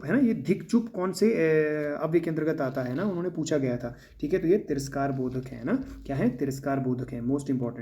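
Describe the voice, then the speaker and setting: A man gives an exam-prep grammar lesson to students. His voice sits a little higher than most men's. He explains patiently and keeps tagging his points with little check-ins. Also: mellow. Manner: explains with frequent "है ना" tags. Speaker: teacher.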